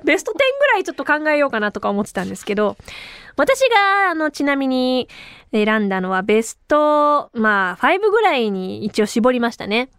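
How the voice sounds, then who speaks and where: A woman hosting a casual solo podcast, her high voice swinging up and down as she chats. She talks in an animated way and her voice is a bit tired from a long day of talking. The sound is close and dry, with no room around it. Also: a little fast, smooth, no echo. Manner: chatty and animated, with frequent laughs. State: tired voice from talking too much. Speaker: radio and podcast host.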